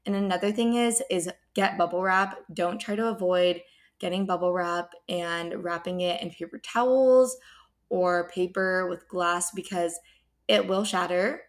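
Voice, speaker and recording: A young woman speaks in a slightly low-pitched voice as a podcast host. She delivers a casual advice monologue. The sound bounces around an empty apartment, leaving an audible echo on her words. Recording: echoey empty apartment room.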